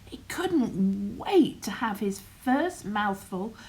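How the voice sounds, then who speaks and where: An older woman reading a bedtime story aloud, slowly and softly, often half-whispering. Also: medium pitch, big pitch swings, low-quality recording.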